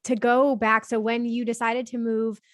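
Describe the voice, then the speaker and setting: A woman's voice: a little high, flat delivery, moderate pace, no room sound, studio quality. A woman hosting a podcast interview, bubbly and enthusiastic, talking casually with lots of fillers. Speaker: podcast host.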